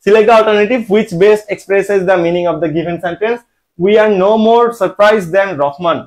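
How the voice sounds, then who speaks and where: A man's voice: sits high, very slow. A man teaching English grammar for an admission exam in Bengali-style speech, teasing his students and asking and answering his own questions. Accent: Bangladeshi Bengali. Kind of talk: online admission-exam lesson.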